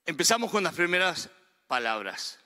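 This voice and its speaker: A man's voice: a little high, sing-song, normal speed, sharp tone. A man preaching a sermon as pastor, earnest and emphatic, his delivery swelling and falling back. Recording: long reverb of a large hall.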